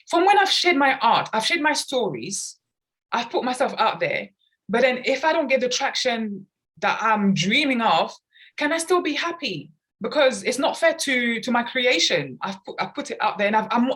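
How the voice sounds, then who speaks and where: This children's author and artist, who grew up in London, England, is a guest on a conversational podcast. Her voice sits on the high side, slightly bright, with lively intonation at a moderate pace. She comes across as earnest and reflective, speaking at length about things she has lived through.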